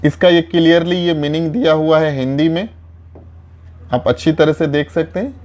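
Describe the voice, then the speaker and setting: Man teaching English tenses, slow examples. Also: fairly high pitch, darkish tone. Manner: switches to slow, deliberate English for example sentences; asks himself questions and answers them. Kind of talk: spoken English lesson explaining tenses.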